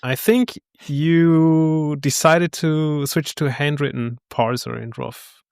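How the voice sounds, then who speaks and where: A man hosting an interview, asking deliberate, measured questions. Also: on the high side, fairly even intonation, gravelly, a little mellow, clean tone, no echo, studio quality. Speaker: podcast host.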